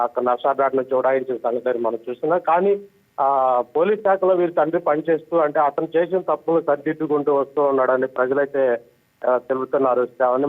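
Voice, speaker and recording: A male news correspondent giving a live report, halting with frequent filler sounds. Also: mid-range voice. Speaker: special correspondent. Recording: tinny phone line.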